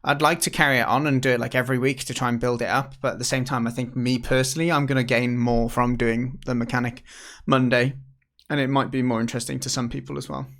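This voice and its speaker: A man from the UK chats with viewers during a game development livestream, sounding tired and worn. He thinks aloud and keeps restarting his sentences. His voice sits at an ordinary middle pitch. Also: flat delivery, fast talker, a bit bright. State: tired, yawning. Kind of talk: casual livestream chat.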